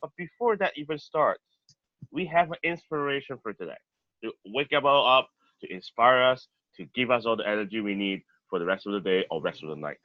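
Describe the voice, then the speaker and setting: A man's voice: medium pitch, expressive, fairly quick, no room sound. A man acting as president of an online club meeting, politely introducing each speaker over a video call. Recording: dull, dry video-call audio.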